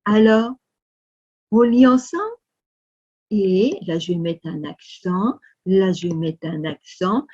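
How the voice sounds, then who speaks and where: A woman with a French accent leading a children's Sunday school lesson, speaking slowly with exaggerated, exclamatory storytelling for kids. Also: medium pitch, dark tone, breathy edge, highs cut off. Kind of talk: animated lesson for young children.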